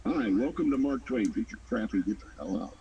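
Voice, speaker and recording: A man's voice: lowish voice, lively intonation, a little fast, mellow, highs cut off. A man chatting casually as a podcast co-host. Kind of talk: casual chat. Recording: distant mic, faint background noise.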